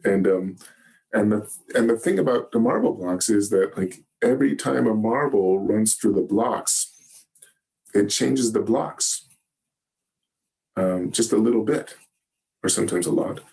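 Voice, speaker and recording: A man giving a Zen dharma talk, gentle and halting, often pausing to search for words. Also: on the low side, creaky. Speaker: Zen teacher. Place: meditation hall.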